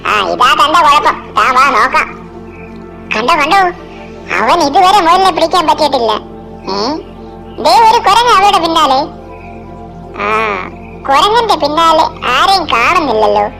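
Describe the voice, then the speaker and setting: High, gravelly-voiced woman storyteller. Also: very animated, normal speed, pauses often, pushed and bright, faint music behind. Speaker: storyteller reading a children's comic. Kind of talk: animated comic reading with character voices.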